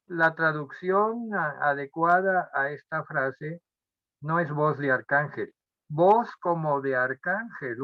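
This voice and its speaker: A man preaching a sermon as pastor, speaking deliberately and often repeating phrases or restarting words. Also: fairly high pitch, dry recording. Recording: dull lo-fi sound.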